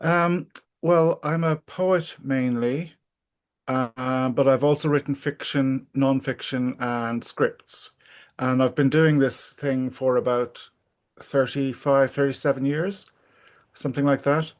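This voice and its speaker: A middle-aged or older man talks casually and reflectively as an interview guest, often pausing to think aloud. His voice is medium-pitched with a steady tone.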